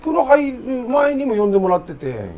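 High, animated middle-aged male host. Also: a little fast. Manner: eager interjecting, polite speech. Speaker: host, former catcher. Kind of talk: casual chat.

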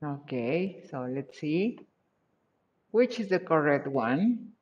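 A woman teaching English over a video call, her words coming slowly and patiently as she praises each answer. The audio is muffled and lo-fi, like a laptop mic. Her colors her English. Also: low-pitched, animated, a little mellow. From Mexico. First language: Spanish. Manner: patient, encouraging, repeats praise. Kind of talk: online class, checking answers.

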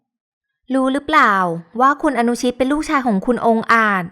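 A snappish, hot-tempered young elder sister from a romance audiobook, as a woman narrator puts her on. She scolds and snaps in a raised, high voice that stays smooth and clear. Stubborn and quick to bristle. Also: a bit bright. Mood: agitated scolding.

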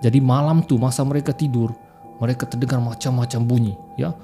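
A man tells horror stories in a relaxed, conversational way and often turns to his listeners. His voice is mellow and dark. Faint music plays underneath. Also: medium pitch, fairly quick. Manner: chatty, addresses listeners as guys. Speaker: horror story podcaster. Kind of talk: casual horror storytelling.

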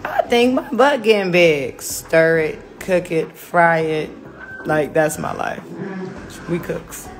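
A woman's voice: fairly low pitch, slow pace. A woman in her thirties chatting casually on a phone livestream from her home kitchen, rambling and laughing easily. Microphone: phone held close.

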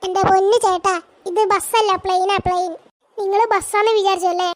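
Pathu, a very high squeaky cartoon auntie. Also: female voice, flat delivery, a little fast. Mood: bickering. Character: naive chatty middle-aged woman, Pathu. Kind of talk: cartoon voice acting.

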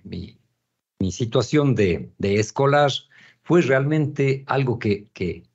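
A man's voice: mid-range voice, darkish tone. An older man, a painter and author, answering interview questions in a reflective, hesitant way, often repeating words as he searches for them. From Ecuador. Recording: dull lo-fi audio.

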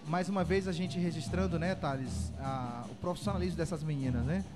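A man's voice: a little high, fairly quick, music in the background. A Brazilian man giving conversational analysis as a football co-commentator during a live match.

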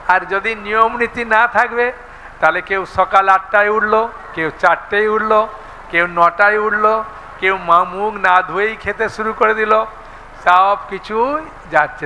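A male preacher gives a devotional talk, his voice high and bright as he tells a story and asks the crowd questions. He speaks slowly, and his words ring out in a hall with a long echo and faint noise behind. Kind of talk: devotional lecture.

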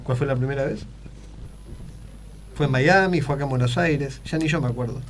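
A man's voice: medium pitch, brisk, a little hiss or hum. A middle-aged man with an Argentine accent, a guest impressionist on a radio show who chats, jokes and tells stories. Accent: Argentine Spanish. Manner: chatty joke-telling storyteller. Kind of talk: casual radio interview. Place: radio studio.

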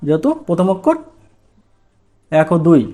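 A man's voice: fairly high pitch, very animated, normal speed, warm tone. A male language teacher giving a lesson, asking questions and answering them himself. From Bangladesh. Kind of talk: lesson in Bengali.

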